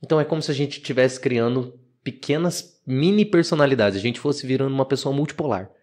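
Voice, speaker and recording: A man hosting a casual podcast, explaining things in an animated, slangy way. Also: mid-range voice, brisk. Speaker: podcast host.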